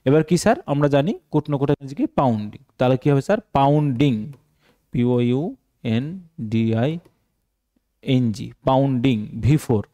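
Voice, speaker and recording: A man's voice: medium pitch, normal speed, dark tone. A male teacher, explaining a translation lesson step by step and posing questions to the class that he answers himself. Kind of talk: translation lesson for exam students.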